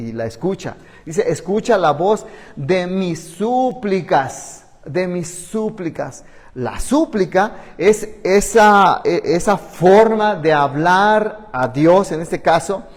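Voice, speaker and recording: A man with a Mexican Spanish accent delivers a sermon from the pulpit, earnest and full of restarts. His voice sits somewhat high, and he acts out desperate pleas. The sound trails off in a long church-hall reverb. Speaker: pastor.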